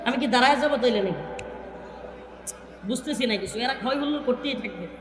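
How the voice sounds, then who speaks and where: Stern high-voiced preacher, echoey. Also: male voice, expressive, fairly quick. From Bangladesh. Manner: stern, repeatedly hushing and ordering the crowd. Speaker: Islamic preacher. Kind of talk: Islamic sermon to a large crowd. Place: crowded stage at a large gathering. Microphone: stage microphone. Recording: echoey public-address sound with long reverb.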